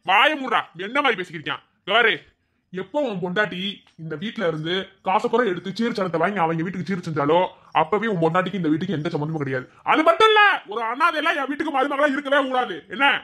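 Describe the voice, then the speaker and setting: A performer voicing a scornful, bullying middle-aged father-in-law in a cartoon, with a Madurai Tamil accent, taunting and shouting insults. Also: high voice. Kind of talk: cartoon voice acting.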